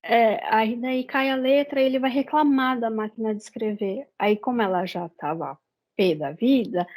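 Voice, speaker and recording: Chatty Brazilian woman, rather high voice. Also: a little mellow, low-quality recording. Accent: Brazilian Portuguese. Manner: rambling retelling full of fillers and restarts. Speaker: book reviewer. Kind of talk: casual book review chat.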